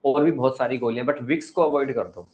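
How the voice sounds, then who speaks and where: A man's voice: medium pitch, a little fast, highs cut off. A male teacher lecturing a class, asking the pupils questions and giving advice.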